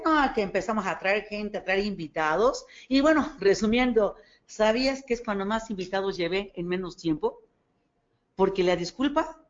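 A woman with a Mexican Spanish accent giving a motivational talk on network marketing, animated and acting out dialogue as she tells stories. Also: mid-range voice. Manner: animated storytelling, acts out dialogue, asks listeners for agreement. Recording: dull lo-fi recording.

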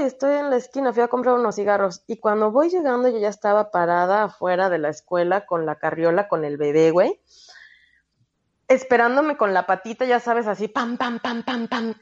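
A young woman with a Mexican accent telling a personal story in casual, slangy chat. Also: fairly high pitch. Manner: slangy, animated storytelling with frequent "güey". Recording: dull, muffled recording.

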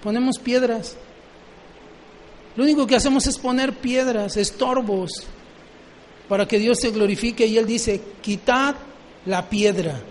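High-voiced man preaching in a hall. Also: steady tone, a little slow, pauses often, slight background noise. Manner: asks the congregation questions. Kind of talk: sermon.

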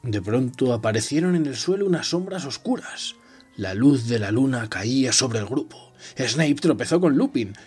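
A man's voice: medium pitch, animated, normal speed, a little mellow, husky, faint music behind. A man reading a novel aloud, taking turns with a partner, telling it dramatically and dropping to a whisper in tense moments. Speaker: reader.

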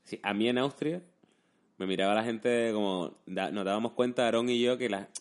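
A man's voice: fairly low pitch, moderate pace. A man talking casually and colloquially, often adding tag questions. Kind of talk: casual chat, anecdotes.

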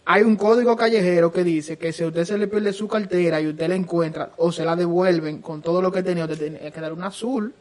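A man co-hosting a loose podcast chat. He breaks in with teasing remarks. His voice is high for a man. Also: brisk, hardly any pauses, a little mellow. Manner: interjecting, teasing. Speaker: podcast co-host. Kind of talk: casual chat.

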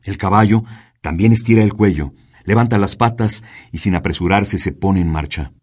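Deep-voiced man narrating a story. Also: darkish tone, slightly rough. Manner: measured, unhurried storytelling. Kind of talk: scripted narration.

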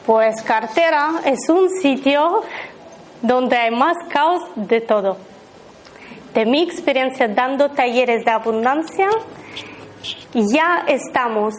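A woman leading an abundance workshop, talking informally to a small live group, telling anecdotes and checking in with her listeners often. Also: high-pitched. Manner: chatty, tells anecdotes, keeps asking the listeners "¿vale?".

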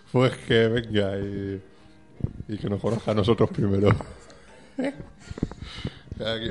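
A man hosting a radio show, relaxed and laughing as he wraps up. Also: on the low side. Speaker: radio host. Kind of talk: casual radio chat.

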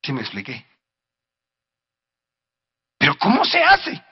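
An impassioned male preacher with a fairly high voice that swoops up and down. He addresses the congregation directly and breaks into shouts at his peaks. The sound is dull and lo-fi. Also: wildly swooping pitch, slow, slightly rough. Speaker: pastor. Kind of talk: sermon.

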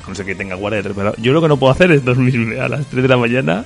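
A man's voice: mid-range voice, racing, gravelly, soft background music. A man speaking as a guest on a podcast in casual chat, agreeable and repeating himself often.

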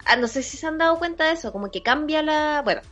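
A chatty woman with a Chilean accent talks casually as a podcast co-host. Her voice is fairly high, and she often breaks off and restarts her own thought. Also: lively intonation, fast, fairly bright tone, lo-fi sound, soft background music. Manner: chatty, self-interrupting. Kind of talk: casual chat.

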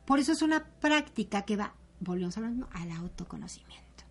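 A woman, a yoga teacher calmly guiding a breathing exercise as a guest. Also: a little high, fast. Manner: calm, instructive, gentle.

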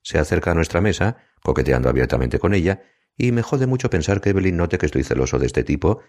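A man narrating a novel in the first person, sardonic and measured. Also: sits low, lively intonation, darkish tone. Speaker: audiobook narrator.

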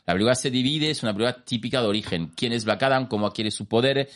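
An excitable man with a Spanish accent from Spain, chatting about films with lots of energy. His voice sits at an ordinary middle pitch, and he tells his points in a lively, animated way. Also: racing. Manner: enthusiastic, animated storyteller. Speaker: film commentator. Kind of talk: casual radio chat.

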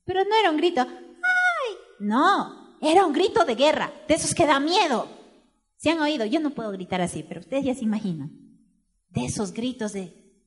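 A woman's voice: sits high, expressive, brisk. Woman preaching with dramatic swings. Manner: storytelling, asks the congregation questions, swings from hushed to loud. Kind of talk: sermon. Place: church.

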